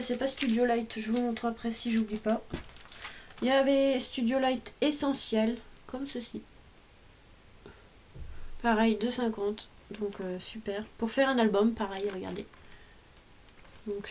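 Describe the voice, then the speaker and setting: A woman's voice: fairly high pitch, a little mellow, a little hiss or hum. A woman vlogger casually showing off a craft haul at home, chatty and hesitant, often trailing off. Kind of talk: casual show-and-tell haul.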